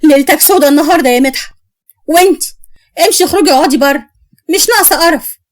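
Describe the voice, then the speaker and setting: A woman voicing a harsh, bad-tempered pregnant young wife who scolds loudly in an Egyptian accent. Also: rapid-fire, no room sound, studio quality, lightly acted. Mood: angry. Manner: shrill, scolding, loud.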